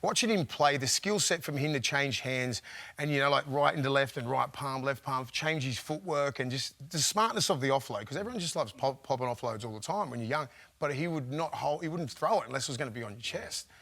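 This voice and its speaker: A man, a former player, telling rambling, animated stories in casual chat and laughing often. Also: medium pitch, brisk, vocal fry.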